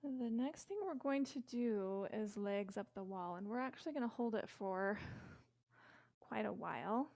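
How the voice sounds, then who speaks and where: A middle-aged woman guiding a yoga session with calm, gentle instructions and casual fillers, recorded indoors on a close mic. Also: mid-range voice, normal speed, no room sound.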